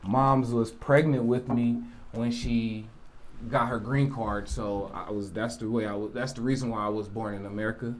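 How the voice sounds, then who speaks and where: A man from Jamaica, a rapper, talking casually in an interview, relaxed and rambling with many asides. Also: mid-range voice, moderate pace. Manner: relaxed, rambling, with frequent "you know" asides.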